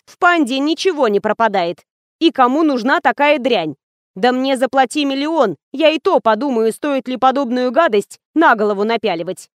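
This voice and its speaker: A brash, irritable young office worker, put on by a woman reading aloud in an audiobook. She snaps and scolds in a raised, lively voice that jumps around a lot. The delivery is dry and close. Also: sits high, moderate pace, no room sound. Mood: snappish. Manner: snappy, scolding.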